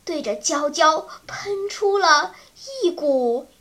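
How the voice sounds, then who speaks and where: A woman narrating a children's story in an animated, playful way. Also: high-pitched, takes it slowly.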